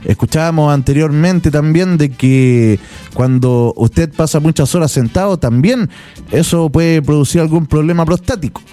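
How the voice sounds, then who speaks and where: Chilean guy pitching on a radio infomercial, warm mellow voice, friendly hard sell, music under it. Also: normal speed. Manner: addresses listeners as dear friends, repetitive, persuasive. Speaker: radio host selling a product. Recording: music bed behind the voice.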